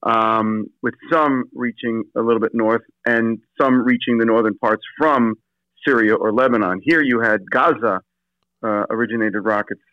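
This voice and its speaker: A man's voice: medium pitch, moderate pace, no echo. A man on a phone call, answering as an interview guest, hesitant with many fillers and restarts. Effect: heard over the phone. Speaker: assistant pastor, phone-in guest. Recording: dull lo-fi phone line, dry.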